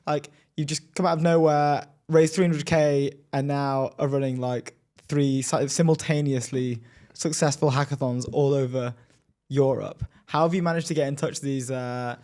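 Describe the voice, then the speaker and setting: Guy co-hosting, hyped and upbeat, fast questions. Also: mid-range voice, steady tone, a little mellow. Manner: hyped, enthusiastic interjections. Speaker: co-host. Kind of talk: casual interview hosting.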